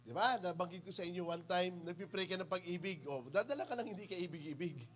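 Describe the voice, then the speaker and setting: A man's voice: high-pitched, quick pace. A man with a Filipino accent preaching a sermon in church, teasing listeners and calling on them by name. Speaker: pastor.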